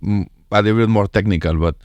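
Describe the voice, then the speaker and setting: A man's voice: lowish voice, quick pace, no echo. A man in his thirties with a Spanish accent, hosting a casual English interview, often restarting his sentences. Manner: stammering restarts, relaxed and friendly. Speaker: podcast host.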